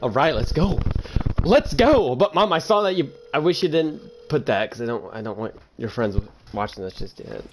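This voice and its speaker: A teenage boy streaming a video game live, excitable and yelling at the game, with game music behind him. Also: fairly high pitch, moderate pace, slight background noise. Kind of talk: live gaming stream commentary.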